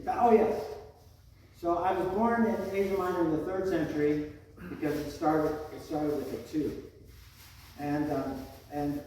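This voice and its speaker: A man tells a comic first-person saint tale for a parish quiz, stumbling, restarting and padding with fillers. His voice sits a little high and comes from some distance off. A big hall adds long, booming echo. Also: warm tone, a little hiss or hum. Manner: rambling, halting, many fillers and restarts. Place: large echoey parish hall. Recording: echoey hall, voice from far off.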